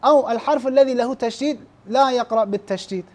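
A man with a very high-pitched voice leads a classroom lesson on recitation. He explains how errors are graded in a plain teaching manner. He often restarts words and clears his throat. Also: a little mellow. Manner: explains scoring plainly, slows down to demonstrate recited verses.

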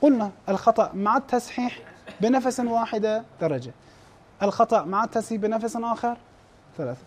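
A man with a very high-pitched voice teaches a classroom lesson on recitation, plainly explaining how errors are graded. He slows down when demonstrating recited verses, and he often restarts words and clears his throat.

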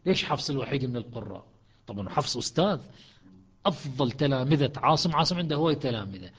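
A man's voice: mid-range voice, husky. Iraqi man teaching, dull lo-fi sound. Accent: Iraqi Arabic. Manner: explains patiently, slows to recite verses. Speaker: Quran recitation teacher. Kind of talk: classroom lesson on recitation. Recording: dull lo-fi recording.

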